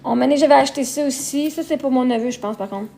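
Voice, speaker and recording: A woman with a Québécois accent chats on a live stream in a high, gravelly voice, wandering from item to item and repeating herself as she goes. The sound is roomy and echoey, with a faint hiss under it. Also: quick pace, dark tone. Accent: Québécois French. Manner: rambling, repeats herself while listing things. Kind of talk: casual live-stream chat. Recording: roomy echo, faint noise.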